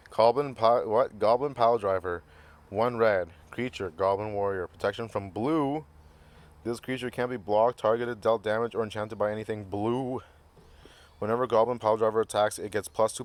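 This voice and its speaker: A man hosting a casual card game review, reading card text aloud and cracking goofy jokes. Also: lowish voice. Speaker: card game channel host.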